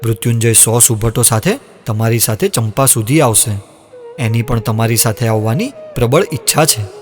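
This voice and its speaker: A man's voice: mid-range voice, normal speed, natural voice. An actor playing a dignified older king who speaks with sorrow about parting with his daughter. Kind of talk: devotional audio drama. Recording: long reverb, music underneath.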